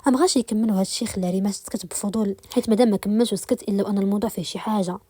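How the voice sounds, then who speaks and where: Fast-reading Moroccan woman storyteller. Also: medium pitch, no room sound, studio quality. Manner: rapid, even storytelling. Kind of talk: read-aloud story narration.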